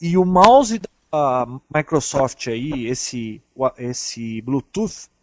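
A man with a Brazilian Portuguese accent chatting over a call, telling lively travel stories in an animated way. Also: medium pitch, very slow. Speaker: traveling podcast guest. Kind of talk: casual chat over a call.

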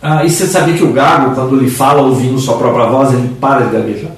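A man's voice: fast, recorded from a distance. Explaining man in an echoey room. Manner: explanatory, lively pitch swings. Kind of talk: casual tech chat.

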